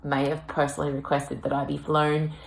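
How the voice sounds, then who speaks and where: An Australian woman chatting casually as a host, sassy and theatrical like a drag queen, with a husky voice damaged by weeks of coughing. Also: sits low, completely flat delivery, a little fast. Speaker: podcast host, singing performer. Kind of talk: casual chat. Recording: echoey room.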